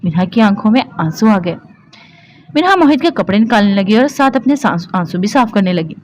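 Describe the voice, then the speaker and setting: A woman narrating a romance novel in a steady, even reading voice. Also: mid-range voice, slight background noise.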